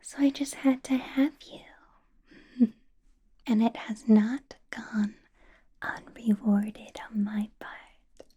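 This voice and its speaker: A heavily acted whisper from a woman playing a teasing, possessive vampire boss centuries old, in an ASMR roleplay. Her voice is on the high side, mellow and slightly rough, with fairly even intonation, very slow and pausing often. She stays whispered the whole time, teasing and menacing with playful laughs.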